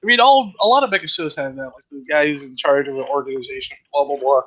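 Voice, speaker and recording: A man's voice: fairly high pitch, fast talker, lo-fi sound, crowd noise. A man chatting casually on an online call in a slangy, sweary way. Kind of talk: casual chat. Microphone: internet group call.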